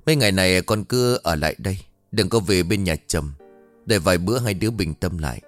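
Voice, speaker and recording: A man voicing a gentle, worried older father who speaks softly and calmly, in a story reading. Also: low-pitched, fairly quick, soft background music, close to an everyday voice. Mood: soothing. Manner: soft, calm and soothing.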